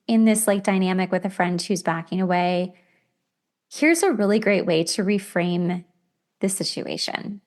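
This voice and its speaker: A podcast host with a medium-pitched, darkish voice explains self-help ideas in a casual, conversational style, using imagined everyday examples.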